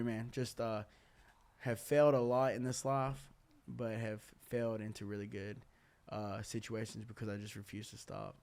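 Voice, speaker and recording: A young man hosting a podcast, telling his story candidly with lots of "uh" and "man". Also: mid-range voice. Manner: earnest, candid, loose talk full of "uh", "man", "dude". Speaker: podcast host.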